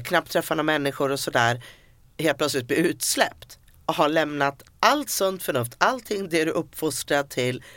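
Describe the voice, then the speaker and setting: A woman's voice: low-pitched, a bit bright, no echo. A woman co-hosting a casual podcast, musing in long run-on thoughts. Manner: chatty, reflective, talks in long run-on thoughts. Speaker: podcast co-host.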